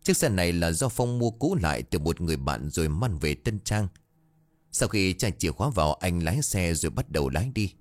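A man's voice: low-pitched, big pitch swings, brisk, no echo. A man reading a scripted horror story as a narrator, with music behind his voice. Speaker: narrator of ghost stories. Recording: music under the voice. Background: background music.

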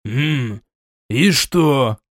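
A man's voice: medium pitch, expressive, very slow, no echo, studio quality. A man voicing a stern older prince who scolds, sighs and turns suspicious. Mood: scolding. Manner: scolding, sighing, sarcastic.

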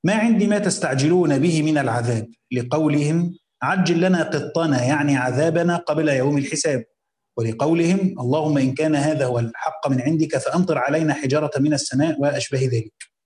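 A man with an Egyptian accent reading a classical religious commentary aloud, slowly voicing the text, then explaining it in casual colloquial asides. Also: fairly high pitch, darkish tone, reverberant. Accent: Egyptian Arabic.

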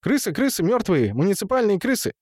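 A high frantic childlike simpleton. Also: male voice, sing-song, a little mellow, breathy edge, no room sound, studio quality, exaggerated voice. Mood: distressed. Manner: frantic rapid repeating of words. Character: simple-minded young man, childlike, pleading, lame. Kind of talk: audiobook character voice.

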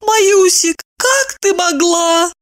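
A woman's voice: very high-pitched, unhurried, a bit bright, voice pushed up. Woman doing a timid, tearful young woman. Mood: fretful. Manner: whimpering, mumbling.

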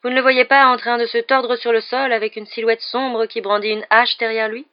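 A man voicing a fussy female seer teacher, speaking softly in a breathy murmur. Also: extremely high pitch, little pitch movement, a little fast, dull audio, voice pushed up. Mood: murmuring, ominous.

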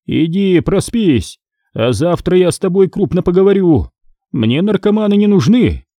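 A man's voice: very animated, moderate pace, warm tone, dry recording, studio quality. A man voicing a haughty, middle-aged rich businessman who gives orders and protests. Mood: indignant. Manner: haughty, shrill, commanding. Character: indignant rich middle-aged businessman, pompous then frightened.

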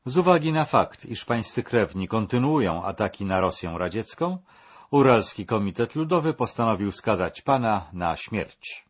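A man's voice: lowish voice, expressive, moderate pace, slightly rough, lo-fi sound. A man voicing a male Bolshevik commander reading out a death sentence in a stern, official, proclaiming manner.

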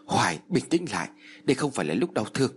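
A man's voice: medium pitch, very animated, fast talker, breathy edge. A man doing a stern, urgent woman medium. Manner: firm and commanding.

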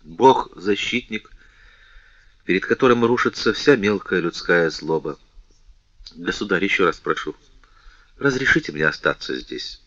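Male reader doing grieving meek young woman, tearful, imploring, lowish bright voice, dry muffled recording. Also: animated, a little slow, long pauses, no echo, full character voice. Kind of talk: audiobook character reading.

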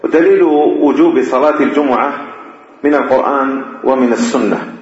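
A man gives a lecture as a teaching sheikh, speaking in deliberate, drawn-out phrases. The recording is muffled and lo-fi, with heavy echo. His voice sits at a middle pitch. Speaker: sheikh teaching a hadith commentary. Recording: echoey dull lo-fi room recording.

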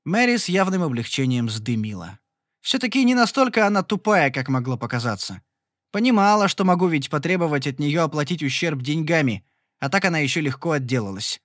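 Expressive male audiobook narrator. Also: on the high side, brisk, no echo, studio quality. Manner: expressive, exasperated storytelling. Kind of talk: first-person scripted fantasy narration.

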